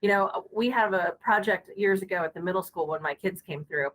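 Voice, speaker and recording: A woman's voice: lowish voice, a little fast, poor audio. A middle-aged woman speaking as a podcast guest on school technology, earnest and casual, full of fillers and restarts.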